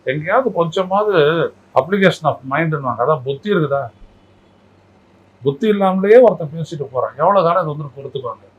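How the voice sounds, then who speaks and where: A political commentator speaks in a heated interview, his voice sitting a little high for a man. He is combative and scolding, throwing one rhetorical question after another and mocking the person he is talking about. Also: expressive, normal speed, pauses often, breathy edge, muffled recording.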